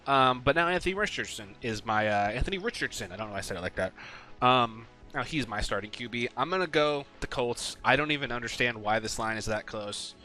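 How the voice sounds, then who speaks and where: Guy rambling thru his football picks, lots of ums, bright sharp voice, bit of music behind. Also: mid-range voice, fairly quick. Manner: rambling, frequent ums, casual swearing. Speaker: sports picks video host. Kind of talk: casual solo commentary.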